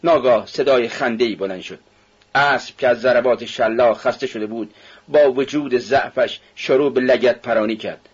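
A man reads a novel aloud in an even, measured narration. His voice is very husky and breathy, sitting at an ordinary pitch. The recording sounds dull and muffled. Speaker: audiobook narrator.

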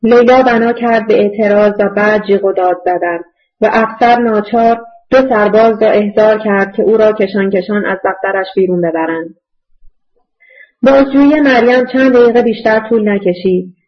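A woman reading a novel aloud as narrator in a measured, subdued way, on a dull lo-fi recording. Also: mid-range voice, fairly even intonation. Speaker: audiobook narrator. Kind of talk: scripted narration.

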